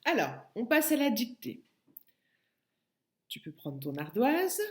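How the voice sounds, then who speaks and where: A woman with a French accent teaches a young child slowly and patiently. She breaks each word into its syllables, and her pitch rises and falls with a lot of movement. The whole thing is a recorded lesson for a child working at home. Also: sing-song. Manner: slow, patient, spells words out syllable by syllable. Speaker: kindergarten teacher.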